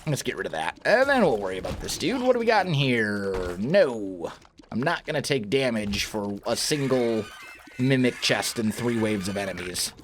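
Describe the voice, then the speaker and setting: A man's voice: mid-range voice, very animated, moderate pace, slight background noise. A man with a groggy morning voice, chatting casually and thinking aloud as he plays a video game, often correcting himself mid-sentence. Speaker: let's play host. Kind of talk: casual gameplay commentary.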